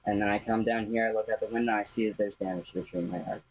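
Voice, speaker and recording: A man's voice: fairly low pitch, fairly even intonation, racing. A man talking insistently and with annoyance in a confrontational doorstep conversation, picked up by a doorbell camera speaker. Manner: aggrieved, insistent. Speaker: homeowner's son complaining to tree workers. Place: outdoors at a house doorstep. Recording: muffled noisy doorbell camera speaker audio.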